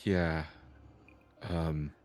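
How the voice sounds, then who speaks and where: A man's voice: a bass voice, little pitch movement, very slow, a little mellow, soft background music. A man playing a tabletop game, describing his actions and speaking in character.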